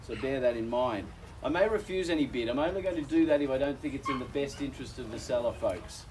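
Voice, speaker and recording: An Australian auctioneer addresses a crowd outdoors at a house auction, genial and folksy, calling them "folks," his voice weakened by a recent chest infection. He talks fast at a medium pitch, picked up by a distant mic with background noise.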